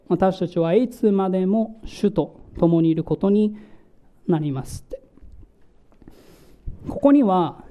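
A man with a high voice delivers a sermon. His tone is deeply mellow and dark rather than bright. He walks his listeners through scripture, pausing to ask the congregation questions. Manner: asks the congregation questions and explains scripture slowly. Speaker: pastor.

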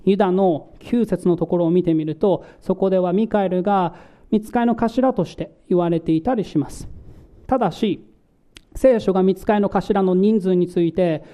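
High-voiced, dark-toned preaching man. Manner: asks the congregation questions and explains scripture slowly. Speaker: pastor. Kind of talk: sermon.

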